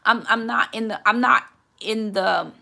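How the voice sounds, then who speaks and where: A woman's voice: a little high, a little slow, creaky, bright, forceful tone. A woman in her forties hosting a candid, reflective faith talk, earnest and often repeating words as she gathers her thoughts. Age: 40s.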